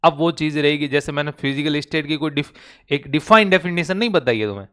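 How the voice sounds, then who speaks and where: Fast-talking, with a fairly high, slightly bright, clear and resonant voice, a man lectures on chemistry in Hindi. His Rajasthani accent comes through in this online class recording as he constantly quizzes students in call-and-response fashion.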